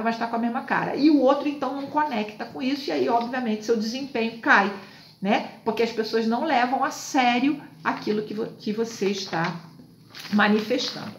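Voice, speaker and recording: A woman's voice: fairly high pitch, echoey room. A woman hosting a casual self-help talk, chatty and loose, often ending her lines with little tag questions. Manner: chatty, fills lines with tags like "tá?" and "né?". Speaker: self-help video host. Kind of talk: casual talk on a book chapter.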